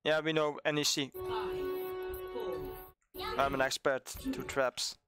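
Belgian man streaming, slow halting speech. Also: on the high side, little pitch movement. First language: Dutch. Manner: hesitant, halting English with fillers. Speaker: streamer playing a team shooter. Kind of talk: casual gaming chat with teammates. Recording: game music loud behind. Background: game music.

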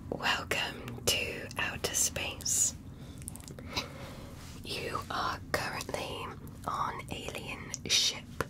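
A woman whispers softly in an ASMR medical roleplay, playing a gentle alien examiner who speaks slowly and reassuringly up close.

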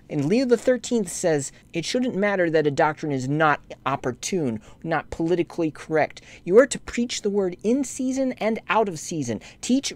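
A lay commentator addressing bishops voices over a slide lecture, his voice on the high side and a little mellow. He scolds church leaders in a rebuking tone that climbs sharply when he's indignant, then turns measured when explaining history.

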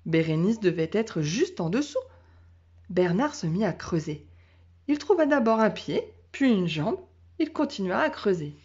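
A woman teacher reading a children's storybook aloud in a calm, measured way. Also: mid-range voice, breathy edge. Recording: dull lo-fi sound.

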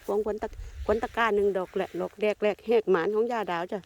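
An older Thai woman with an Isan accent, narrating a casual foraging vlog in a forest and chatting warmly to her viewers. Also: mid-range voice, fairly even intonation, quick pace. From Thailand. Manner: chatty, warmly addresses viewers as kin, sweet polite endings. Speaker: vlogger. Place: forest outdoors.

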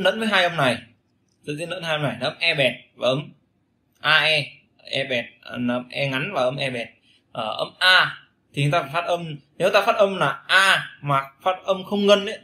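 Male teacher, bright tone, drills vowel sounds by repetition, casual lesson. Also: on the high side, a little hiss or hum. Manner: repeats sounds and phrases many times, demonstrating vowels. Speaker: English pronunciation teacher.

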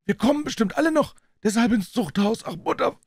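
A man voicing a hoarse, weeping young servant girl who wails in panic. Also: very high-pitched, lively intonation, fairly quick, darkish tone, no echo, studio quality, pitched above the performer's own voice, heavily acted. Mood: panicked. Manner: panicked and wailing.

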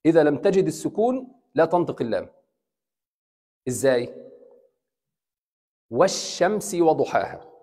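Egyptian-accented man, imam leading a lecture; fairly high, husky voice, patient and repetitive, long hall echo. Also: sing-song, dark tone. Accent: Egyptian Arabic. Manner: explains slowly, repeating examples and asking the class questions. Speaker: imam teaching Quran recitation. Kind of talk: bilingual classroom lecture. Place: mosque hall.

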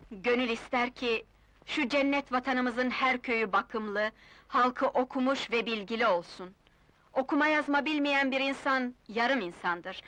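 A woman's voice: on the high side, pushed and bright, low-quality recording. A woman playing an idealistic, kind young village schoolteacher in old film melodrama, speaking earnestly with careful, declamatory diction.

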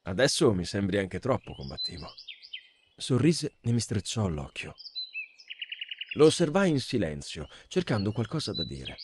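A man narrating a fantasy novel as an audiobook, reading in an expressive, dramatic way. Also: fairly low pitch, a little hiss or hum. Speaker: audiobook reader.

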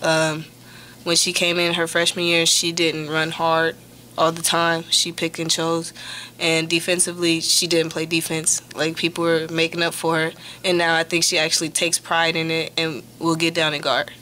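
Young woman, college athlete, postgame press conference, table mic, flat steady delivery, bright tone. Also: deep voice, normal speed, a little hiss or hum. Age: young adult. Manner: plain and steady, starting answers with "um". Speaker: college basketball player. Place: press room in front of a sponsor backdrop. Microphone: table mic on a stand.

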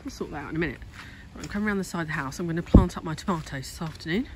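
A woman with a low-sitting voice talks very fast over background noise, chatty and thinking aloud as she gives a casual walk-and-talk vlog about her home renovation. She films outdoors at a garden building site on a handheld phone camera.

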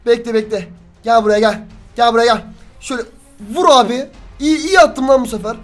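A young man giving live commentary on a team battle game, excitable, cursing and shouting at his teammates. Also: very high voice, brisk, faint music behind. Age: young adult. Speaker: gaming youtuber.

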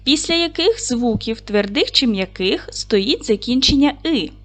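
A woman teaching a recorded video lesson to fourth graders, speaking clearly and deliberately and reciting short rhymes. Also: fairly high pitch, expressive, fairly bright tone, faint music behind. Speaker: primary school teacher.

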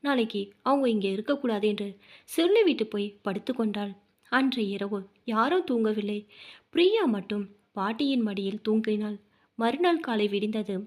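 A woman narrating a family drama story in a dramatic, expressive reading. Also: medium pitch, normal speed.

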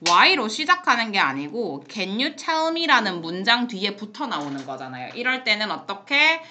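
A woman teaching an English lesson in a classroom, explaining phrases in Korean and reading example sentences slowly, with blunt, playful asides to her students. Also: mid-range voice, sing-song, sharp tone, slight background noise.

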